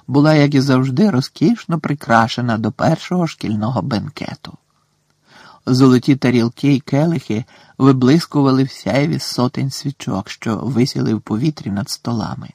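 A man's voice: mid-range voice, a little mellow, slightly rough, no echo. Man narrating a storybook. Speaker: audiobook narrator.

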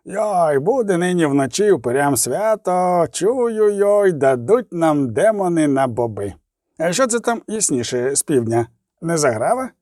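A man voicing a gruff, boastful male dwarf warrior in an audiobook, grumbling and swearing. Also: a little high, very animated, normal speed, mellow, dry recording, studio quality. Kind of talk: audiobook character voice.

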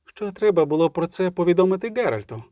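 A man voicing a cautious, crippled man in a wheelchair, speaking gravely, in an audiobook. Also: high voice, very animated, quick pace, dark tone, dry recording. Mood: wary.

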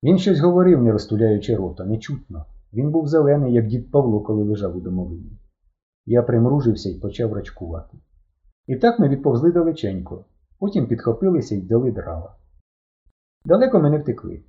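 A man reading a first-person story aloud, expressive and lively, switching into character voices for the dialogue. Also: medium pitch, fairly quick. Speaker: audiobook narrator. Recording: muffled lo-fi recording.

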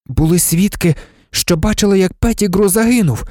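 A man's voice: high-pitched, moderate pace, a little mellow, dry recording, studio quality, pitched above the performer's own voice, close to an everyday voice. A man doing an agitated, insistent teenage boy. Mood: urgent. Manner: raised, urgent exclaiming.

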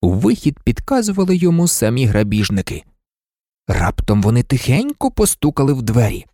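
A man narrating a children's story in an expressive, lively storytelling manner. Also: mid-range voice, normal speed, dry recording, clean studio sound.

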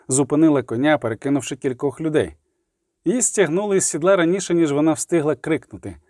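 A man narrating a fantasy audiobook in a measured, dramatic way. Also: fairly high pitch, a little mellow, no echo, studio quality.

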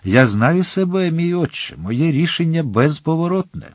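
A man's voice: fairly high pitch, lively intonation, moderate pace, no room sound, studio quality, voice pushed up. A man voicing a courteous, subtly vain young man who argues his theology politely in an audiobook. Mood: polite earnest. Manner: courteous with a hint of irritation.

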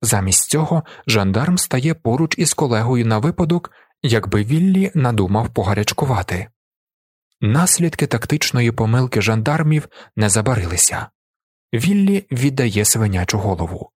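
A man reading a first-person story as an audiobook, with lively, expressive delivery. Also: medium pitch, moderate pace, breathy edge, dry recording, clean studio sound. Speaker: audiobook reader.

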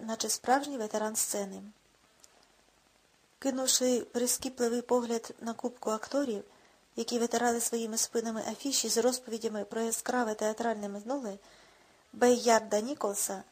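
A woman narrating an audiobook in a measured, even reading manner. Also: on the high side, husky.

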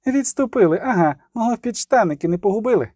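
A man voicing a hot-tempered teenage girl outlaw in an audiobook, shouting sharp, defiant retorts. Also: on the low side, sing-song, normal speed, breathy edge, no echo, clean studio sound, full character voice. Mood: angry.

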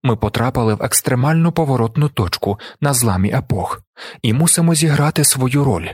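A blinded young emperor, calm and commanding, speaking in steady measured phrases, as a male audiobook narrator voices him. The voice is husky and mid-pitched, recorded dry and close. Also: dry recording.

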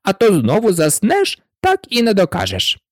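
A reader voicing an eccentric, mournful male hatter in a storybook, rambling and excitable, with frequent hesitations. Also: medium pitch, moderate pace, no room sound, studio quality, voice pushed up. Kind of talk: storybook reading.

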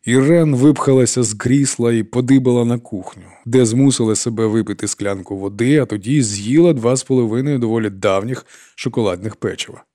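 A man reading an audiobook as its narrator, telling the story in a calm, even way. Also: mid-range voice, brisk, few pauses. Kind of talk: scripted narration.

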